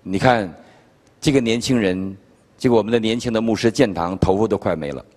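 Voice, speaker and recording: An older man from China preaching a sermon at a conference, telling stories with humor in an animated way. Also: on the low side, fairly quick. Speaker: pastor. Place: conference hall. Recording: reverberant hall.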